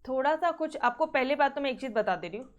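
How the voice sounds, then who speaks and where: A woman's voice: high voice, expressive, fast talker, dull audio. A woman. She mixes Hindi with terms, coaxes her students along with frequent checks on whether they follow, and gives stern reminders to practise. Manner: coaxing, checks in with students often. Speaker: maths teacher. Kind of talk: online maths class.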